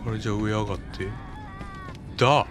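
A man with a Kansai accent giving casual running commentary while playing a game, often telling a character to be quiet. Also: lowish voice, fairly quick, noisy background. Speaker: game streamer. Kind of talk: casual let's-play commentary.

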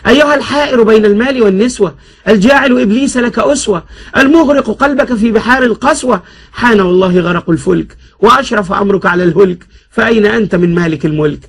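Man doing a weepy preacher guy on a bus, solemn rhymes, husky tone. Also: high-pitched, fast. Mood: pleading. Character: tearful male street preacher begging donations.

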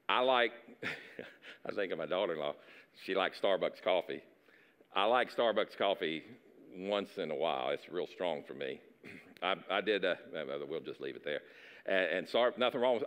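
A middle-aged pastor preaches a sermon while moving around a large, dark church stage, his mid-range, fairly bright voice carrying through the big hall. He talks conversationally, repeating words and dropping in side remarks.

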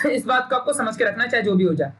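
Young man, teacher, bright tense voice, stern, repeats points, scolds. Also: extremely high pitch, animated, fairly quick. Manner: emphatic, drills and repeats points; stern, scolding pep talk. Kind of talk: recorded online science lesson.

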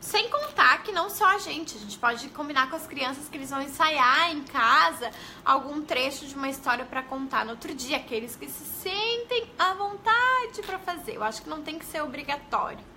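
A woman's voice: sits high, lively intonation, normal speed, bright, forceful tone, slight background noise. A young woman with a Brazilian Portuguese accent, an early-literacy educator giving chatty tips in a casual live stream. She greets viewers and tags her sentences with questions.

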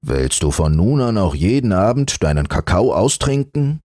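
A man's voice: low voice, sing-song, moderate pace, warm tone, no room sound, clean studio sound. A man voicing an ancient, dignified monkey king in a fairy tale audiobook, grave and majestic. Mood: stern.

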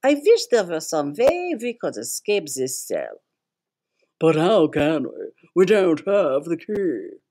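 A woman's voice: sits low, very animated, slow pace, mellow, voice pushed down, exaggerated voice. A woman doing gloomy jailed secret agents.

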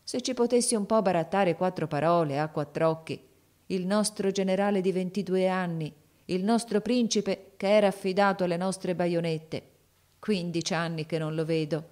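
A woman's voice: on the low side, moderate pace, darkish tone, natural voice. A woman reading the part of an old male army veteran, speaking in a fervent, heartfelt way as he remembers. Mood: nostalgic.

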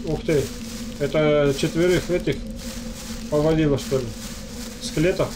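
A man's voice: on the high side, steady tone, measured pace. A man giving casual game commentary, half talking to himself and half to viewers as he plays. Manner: muttering to himself while playing, addressing viewers. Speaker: gamer, let's play host. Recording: noisy, game sound behind voice.

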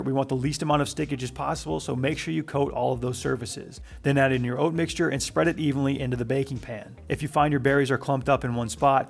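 A man giving a scripted recipe voice-over as a cooking channel host, with brisk, matter-of-fact instructions. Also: medium pitch, vocal fry, husky.

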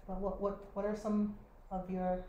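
A woman moderating a video-call panel, reading out a question and answering it herself, halting and restarting often. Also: medium pitch, little pitch movement, warm tone, muffled recording. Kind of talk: online panel discussion. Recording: echoey room, faint noise.

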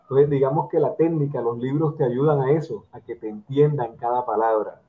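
A man's voice: medium pitch, brisk. A middle-aged man from Colombia's hosts the talk with a mid-range voice. He explains patiently and speaks straight to his viewers, as if teaching a class. His voice comes through a thin, phone-like video call line. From Colombia, Barranquilla. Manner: explanatory, addresses viewers directly, lectures with examples. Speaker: host of an online drum interview.

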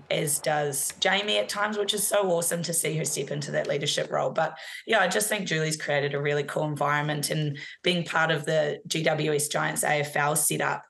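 Young Kiwi woman, guest athlete on a remote call; low, fry-tinged, chatty with ums. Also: a bit bright. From New Zealand. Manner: upbeat, many ums, uses Kiwi slang. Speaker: guest netball player. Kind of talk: live remote interview.

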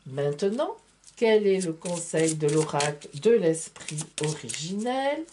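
Over a noisy background, this tarot reader and astrologer talks to camera in a low, expressive voice at a slow pace. She's giving a relaxed monthly horoscope from the cards, playful and chatty, with plenty of "hein" and "voilà" thrown in.

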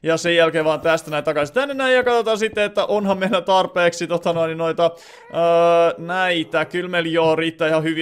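A young Finnish man talking through a game session out loud, thinking aloud with lots of filler sounds. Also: sits high, clean tone. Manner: bursts into loud excited shouting. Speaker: gaming channel host. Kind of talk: Let's Play commentary.

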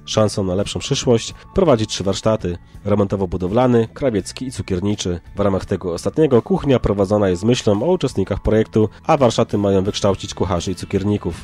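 A man reading scripted local news in a measured, formal way. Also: fairly low pitch, warm tone. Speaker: news narrator. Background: background music.

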